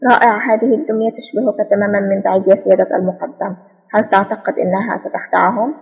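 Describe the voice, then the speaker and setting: A woman's voice: mid-range voice, steady tone, quick pace, vocal fry, husky, big-room sound, dull audio. A woman reading the lines of an anxious young female agent in an audiobook. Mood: uneasy. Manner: questioning and uneasy. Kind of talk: audiobook spy novel reading.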